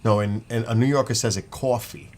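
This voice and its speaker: Speaking at a fairly quick clip with medium pitch and fairly even intonation, a livestreamer from New York state chats casually in a slightly mellow voice. He wanders from topic to topic, stopping to read commenters' names and posts. Room ambience and clear background noise are audible.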